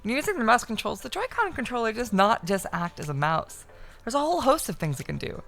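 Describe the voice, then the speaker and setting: A woman streamer chatting casually on a live stream, excitable and swearing freely as she reads game text aloud. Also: a little high, quick pace, gravelly, faint music behind.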